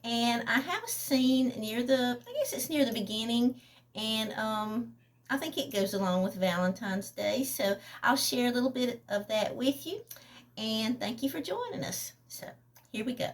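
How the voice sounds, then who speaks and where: A woman chatting casually, then reading a passage from her own novel aloud in an unhurried way. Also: on the high side, expressive.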